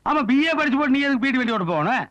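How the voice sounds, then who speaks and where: A man's voice: very high voice, expressive, racing, fairly bright tone, dry recording, highs cut off. A man in a comedy sketch, scolding and questioning the other with sarcasm.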